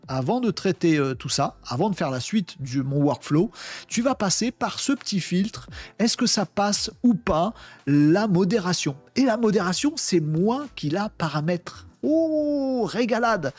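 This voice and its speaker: A middle-aged man casually explaining software in a screen-share tutorial, chatty and animated, with frequent hesitations and little mock dialogues. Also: a little high, dry recording. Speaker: tech tutorial host.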